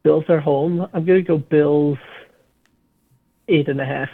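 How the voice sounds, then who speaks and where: A fairly high-voiced man with a gravelly edge joins a casual sports betting chat, teasing the others and talking over them. He comes through a thin, phone-like remote line. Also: steady tone, a little slow.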